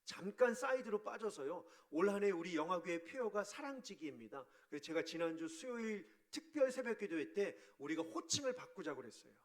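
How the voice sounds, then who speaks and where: A man preaching as a pastor, asking his congregation questions, sometimes shouting out quoted voices and sometimes dropping to a soft murmur. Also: sits high, a little fast, hardly any pauses. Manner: animated, acts out quoted voices with sudden shouts; drops to a soft near-murmur on key words. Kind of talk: sermon.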